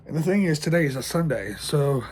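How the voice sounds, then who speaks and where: A man's voice: on the high side, animated, a little fast, a little mellow. Man, venting vlog monologue, rambling, stressed, swearing, sleepless, shivering, outdoors in the cold, faint background noise. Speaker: vlogger.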